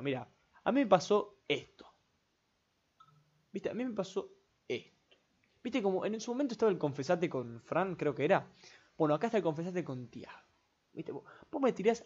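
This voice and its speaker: A man's voice: high voice, darkish tone. A young man with a Rioplatense Spanish accent, hosting a casual solo podcast and rambling along with many filler tags. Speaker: podcast host. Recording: dull lo-fi recording.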